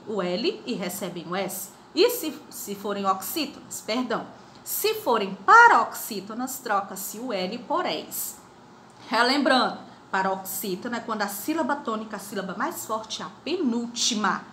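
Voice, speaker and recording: Animated teacher woman, roomy sound. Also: a little high, a little hiss or hum. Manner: animated, stretches words slowly and repeats rules for children. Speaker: primary school teacher. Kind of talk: recorded video lesson.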